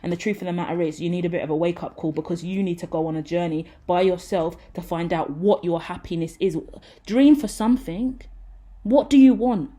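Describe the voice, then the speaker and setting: Speaking directly to camera, a woman in her thirties delivers a casual tarot reading that's candid and wanders a bit. She has a warm, lowish voice and a brisk delivery.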